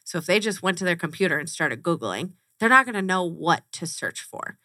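A woman's voice: lowish voice, big pitch swings, fairly quick, pushed and bright, no room sound, studio quality. A woman hosting a podcast interview, enthusiastic and chatty, who laughs often. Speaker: podcast host. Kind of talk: casual interview chat.

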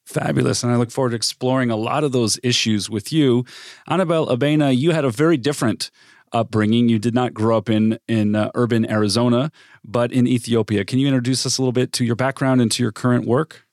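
A man hosting a studio panel interview, speaking in a measured way with pauses and restarts. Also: medium pitch, steady tone, a little mellow, no echo. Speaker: host.

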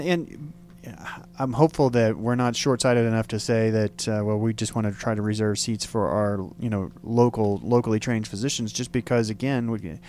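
This radio host's voice is lowish and a little mellow. He conducts an interview, talking at length with many fillers and repeating back the points his guest makes.

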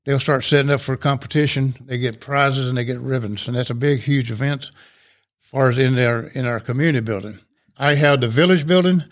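A man's voice: medium pitch, a little fast. A man, a club president talking at length as an interview guest in a folksy, rambling way. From Rome, Georgia, USA. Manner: talkative, folksy, rambling explanations. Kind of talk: casual interview chat.

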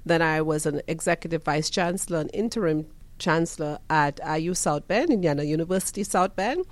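A woman with a Trinidadian accent, in her fifties, talks earnestly through her career as a guest on a radio show, often pausing on ums and restarting sentences. Her voice sits a little low. The sound is dry and close, with no room echo. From Trinidad and Tobago. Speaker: college president, guest. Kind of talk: radio interview answers.

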